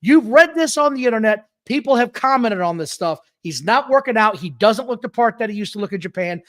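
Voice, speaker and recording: Man, high voice, very lively pitch, animated, opinionated, podcast co-host. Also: a little fast. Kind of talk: casual wrestling chat.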